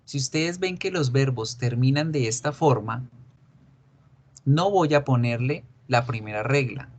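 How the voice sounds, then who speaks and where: A man teaching an English grammar lesson, explaining slowly and repeating each example. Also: mid-range voice. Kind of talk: recorded online grammar lesson.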